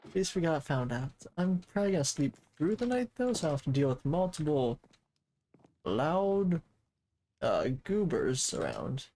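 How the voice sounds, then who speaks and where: A man streaming a game from his desk mic, casual commentary that rambles and corrects itself, and he talks fast. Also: fairly high pitch, sing-song, gravelly, warm tone, slight background noise. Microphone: desk microphone.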